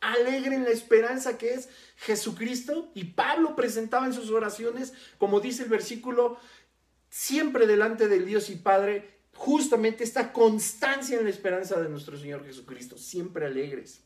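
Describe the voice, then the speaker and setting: Emphatic preacher in an echoey room. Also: mid-range voice. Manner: emphatic, repeats key words slowly. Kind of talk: sermon. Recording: roomy echo.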